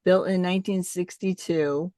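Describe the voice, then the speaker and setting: A woman's voice: fairly low pitch, fairly even intonation, moderate pace, mellow, no room sound. An older woman hosting a casual, conversational interview. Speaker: interview host.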